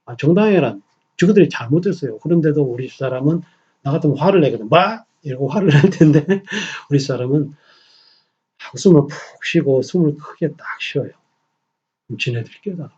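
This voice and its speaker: Animated male pastor, loud then hushed. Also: a little high, brisk, slightly rough, lo-fi sound. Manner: animated, swings between loud emphasis and soft near-whispers. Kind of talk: Sunday sermon. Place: small church.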